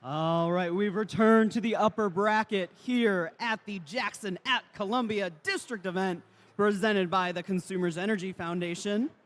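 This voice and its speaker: A man's voice: high-pitched, moderate pace, fairly bright tone. A man announcing a live competition as the event's MC, introducing the sides and explaining the stakes. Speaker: robotics event MC. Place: large competition venue.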